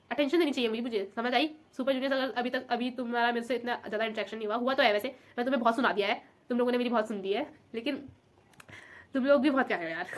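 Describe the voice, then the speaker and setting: A woman's voice: a little high, fairly bright tone. A young woman vlogging in casual chat, emotional and affectionate, rambling as she talks. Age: young adult.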